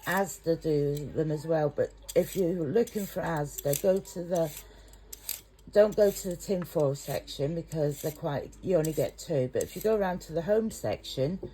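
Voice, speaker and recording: A middle-aged English home cook rambles away in her kitchen for a casual cooking vlog, chatty and a bit self-conscious. Her voice is deep and warm at a moderate pace, and the home recording is noisy.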